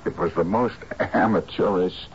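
A deep-voiced, sardonic detective. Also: male voice, lo-fi sound, a little hiss or hum. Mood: sardonic, scornful. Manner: dry, deliberate, sardonic. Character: shrewd, sardonic male private detective. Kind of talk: screen drama acting.

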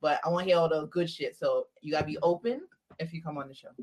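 A woman's voice: low-pitched, quick pace, a little mellow, rough recording. A woman co-hosting a podcast in casual, playful, blunt chat. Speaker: podcast co-host.

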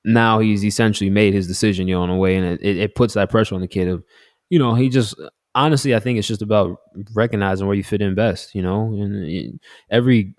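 A man's voice: fairly low pitch, fairly even intonation, quick pace, darkish tone, no echo, studio quality. A man co-hosting a sports podcast, reasoning aloud in a loose, conversational way. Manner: conversational, reasoning aloud with frequent "you know". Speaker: podcast co-host. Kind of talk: casual sports podcast discussion.

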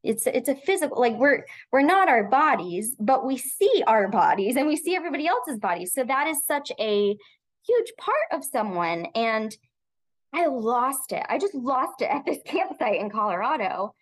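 A woman's voice: fairly high pitch, sing-song, moderate pace. Reflective woman telling her story. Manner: reflective, with frequent restarts and filler "um"s. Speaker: podcast guest. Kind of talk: personal storytelling in an interview.

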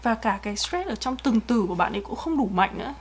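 A woman's voice: fairly high pitch, animated, quick pace, slight background noise. A woman chatting casually as co-host, explaining pronunciation mistakes with everyday examples.

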